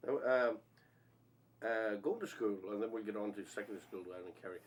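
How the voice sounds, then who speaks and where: A man conducting an informal oral history interview, feeling his way haltingly through his questions. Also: fairly low pitch.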